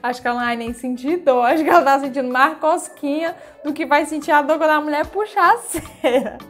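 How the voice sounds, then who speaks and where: A woman's voice: high-pitched, fairly quick. A young adult woman with a Brazilian accent, giving casual, chatty, exclamatory reaction commentary and prone to giggles. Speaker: reaction video host. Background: background music.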